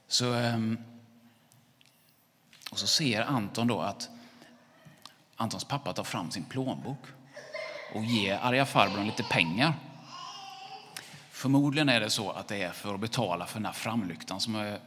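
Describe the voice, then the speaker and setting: A man with a fairly low, husky voice tells a story to children, relaxed and unscripted with small restarts. The recording has a long reverberant tail, as in a large hall.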